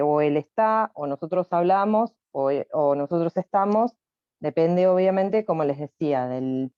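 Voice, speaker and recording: A woman's voice: fairly low pitch, dry recording, lo-fi sound. A woman with an Argentine Spanish accent, teaching English in an online class, explaining patiently and repeating herself with many fillers. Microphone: computer mic on a video call.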